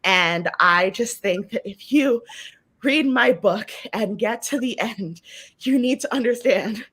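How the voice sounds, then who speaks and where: A woman author talking casually at a virtual book event, passionate and expressive, laughing often, heard over a video call. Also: on the high side, slow, slightly rough. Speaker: featured author.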